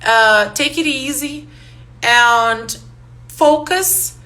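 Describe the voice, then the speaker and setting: A Romanian woman whose native language is Hungarian, and who has a Hungarian accent, teaches a live online language class. Speaking extremely slowly in a high, pushed, bright voice, she switches between Portuguese and English and laughs often.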